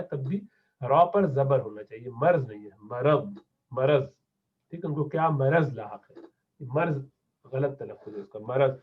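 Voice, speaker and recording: Patient teacher on a tinny line. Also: male voice, a little high, husky. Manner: patient, repeats words slowly to drill pronunciation. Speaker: Arabic teacher. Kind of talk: classroom lesson lecture. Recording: tinny phone-like lo-fi audio.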